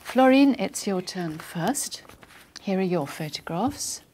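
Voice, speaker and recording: A woman acting as examiner, reading scripted test instructions in a formal, measured, polite way. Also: medium pitch, animated, darkish tone, a little hiss or hum.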